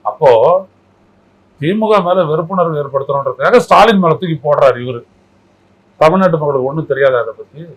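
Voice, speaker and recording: A man acting as a political commentator in a heated interview sounds combative and mocking, scolding as he fires off rhetorical questions. His voice is a little high and fairly quick with frequent pauses, and the recording is rough.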